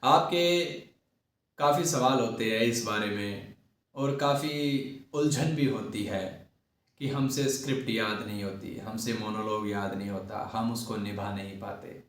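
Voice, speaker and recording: Man, acting teacher, slow emphatic delivery, repeats key words, very echoey room, mic far off. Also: on the low side, a bit bright. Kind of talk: acting lesson talk.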